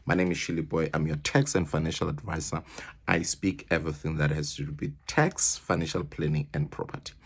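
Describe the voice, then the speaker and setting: A man with a very deep voice speaks as a financial advisor in an explainer talk. His tone is husky, with plenty of gravelly fry. He speaks directly to the listener and puts questions to them. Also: fairly even intonation, brisk.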